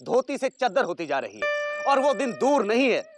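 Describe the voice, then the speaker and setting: A hammy television news reporter with theatrical anchor delivery. His high voice rises and falls dramatically, with loud comic music behind. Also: big pitch swings, normal speed. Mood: dramatic. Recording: loud background music under dialogue.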